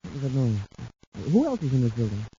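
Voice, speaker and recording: An eager young cadet sidekick, acted by a man, talks quickly and earnestly to his superior. His tone is mellow and folksy, in fifties radio adventure style. The old recording sounds dull, with some hiss. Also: mid-range voice, big pitch swings, natural voice. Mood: wary. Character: eager young male space cadet sidekick, loyal, boyish. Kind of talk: 1950s radio adventure serial acting. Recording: muffled, noisy old radio broadcast recording.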